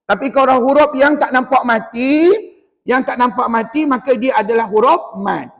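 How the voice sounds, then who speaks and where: High-voiced Malaysian man teaching in a mosque. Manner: lively, quizzing the class, drawn-out recitation. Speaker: Quran recitation teacher. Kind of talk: classroom tajwid lesson. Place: mosque hall. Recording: long mosque reverb.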